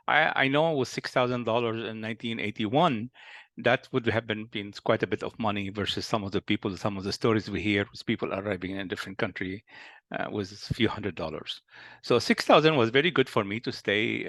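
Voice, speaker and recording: Speaking in a brisk, fairly bright, lowish voice, a company founder around sixty with a Lebanese accent tells his personal history. He often hesitates, using many fillers and starting over. The recording is dry with clean studio sound.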